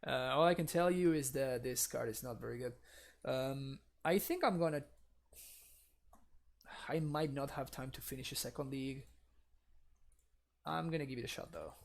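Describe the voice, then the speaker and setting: During a live stream of a card game, a young native Spanish speaker with a Spanish accent chats casually with viewers, laughing frequently. His mid-range voice moves at normal speed, with vocal fry and frequent pauses.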